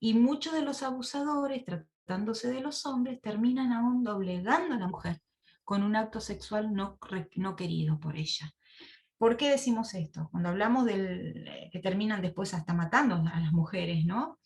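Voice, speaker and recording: A woman preaching to a women's church group over a video call. She speaks at a middle pitch and keeps her listeners involved with anecdotes and rhetorical questions. She talks like a teacher in an intimate sermon. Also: normal speed. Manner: animated storytelling, rhetorical questions. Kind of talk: sermon-style Bible study teaching.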